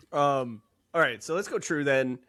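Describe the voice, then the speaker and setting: A man's voice: medium pitch, bright, forceful tone, no echo. A man co-hosting a podcast, rambling and joking in casual chat and swearing freely. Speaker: podcast co-host.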